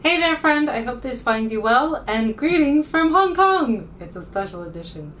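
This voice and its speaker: An American woman vlogs casually to camera in a fairly high, very animated, slightly bright voice at normal speed. She rambles informally and hesitantly, thinking aloud. The mic is distant, with faint room noise.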